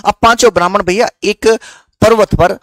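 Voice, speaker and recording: High-voiced Haryanvi man teaching history. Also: fairly even intonation, normal speed, fairly bright tone, no room sound. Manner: storytelling with repeated quiz questions to students. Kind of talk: storytelling history lesson.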